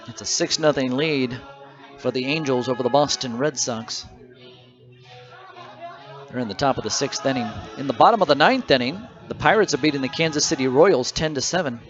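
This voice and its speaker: A man announcing a baseball game play-by-play, reading stats and scores between pitches in a conversational way. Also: muffled recording. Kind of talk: radio baseball commentary.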